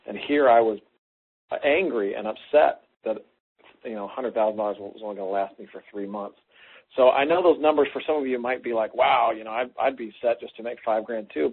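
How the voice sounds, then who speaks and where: Husky man telling a story over a phone-like line. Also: medium pitch. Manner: animated storyteller, acts out quotes. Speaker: co-host. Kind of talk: conversational teaching.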